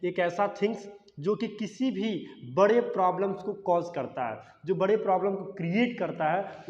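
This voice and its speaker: A man's voice: high-pitched, darkish tone, long reverb tail, dull audio. A man teaching vocabulary for a competitive exam in an explanatory classroom style on the terms, repeating key words back as questions. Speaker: English teacher for exam prep.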